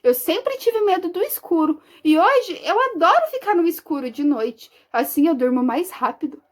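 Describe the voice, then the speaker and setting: A preschool teacher from Brazil telling a story to young children in an expressive, sing-song way. She is a woman with a very high voice that rises and falls widely. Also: normal speed.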